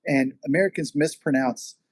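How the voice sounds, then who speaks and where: A man's voice: a little high, moderate pace, dry recording. A man steering a casual interview as its host. He talks in a loose, rambling way, full of "uh" and "you know." His voice sounds dry and close, with little room around it. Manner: rambling with many fillers. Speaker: podcast host and magazine editor.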